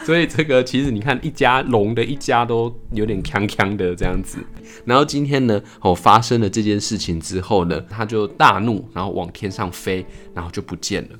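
A man's voice: lowish voice, normal speed, a bit bright, faint music behind. A man hosting a podcast, retelling an old tale in a playful, laughing way. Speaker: podcast host. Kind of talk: storytelling podcast chat.

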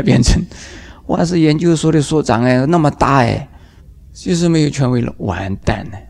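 An older man gives a Buddhist dharma talk in a gravelly voice of middle pitch. He speaks unhurriedly, stretching his phrases with soft trailing particles. Now and then he acts out the people in his examples. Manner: unhurried, drawn-out phrases with sentence-final particles, acting out quoted voices. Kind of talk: dharma lecture.

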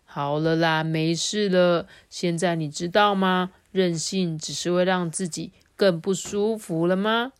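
A woman voicing a kind, patient father dinosaur who speaks calmly and soothingly. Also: lowish voice, measured pace, hardly any pauses, smooth, dry recording, lightly acted. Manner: calm soothing.

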